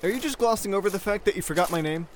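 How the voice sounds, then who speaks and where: A man's voice: high-pitched, racing, slight background noise, close to an everyday voice. A man playing a hesitant, wry young soldier who stammers, in a comedic audio drama.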